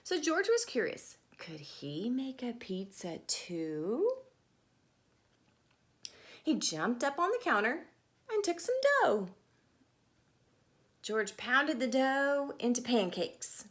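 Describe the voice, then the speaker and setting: A woman teacher at storytime reads a picture book aloud to children in a slightly high voice, expressive and deliberate, adding chatty asides and questions.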